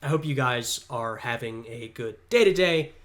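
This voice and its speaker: Reacting to a history video, an animated man with a stuffed-up voice muses aloud at a moderate pace, hedging over each point in a casual way. His pitch is ordinary and his tone fairly bright.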